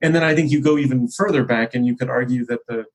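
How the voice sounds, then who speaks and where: A man appears as an executive guest on a podcast, explaining things in a conversational, wandering yet measured manner. His voice is mid-range, and the audio quality is poor.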